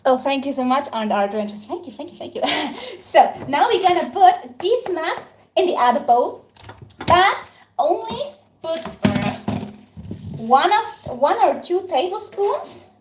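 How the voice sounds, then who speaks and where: High-pitched and very animated, if a little slow, a young woman with an Austrian German accent bakes during a relaxed live stream. Her first language is Tyrolean-dialect German, and she's from Tyrol. She chats, responds to viewer comments and thanks them a lot, recorded in an echoey room with background noise.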